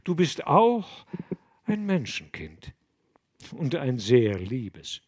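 A man voicing a gentle, kindly old abbot who speaks in a soft, low, soothing voice. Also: big pitch swings, very slow, no room sound, exaggerated voice. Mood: consoling.

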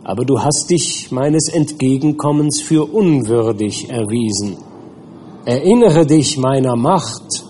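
A man voicing a bitter, menacing male creature in an audiobook reading, with hushed, dragging threats. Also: mid-range voice, expressive, slow pace, slight background noise, voice pushed up. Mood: threatening.

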